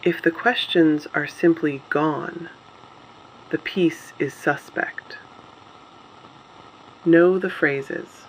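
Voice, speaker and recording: Voicing a resistance radio host in a scripted dystopian story, a performer speaks in short, deliberate, grave phrases, solemn and resolute. The mid-range voice has fairly even intonation, and the rough recording picks up a little hiss or hum.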